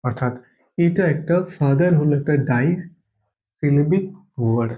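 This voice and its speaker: A man's voice: fairly high pitch, measured pace, phone-quality sound. A man from Bengal teaching an English grammar lesson, explaining step by step and repeating key words as he goes.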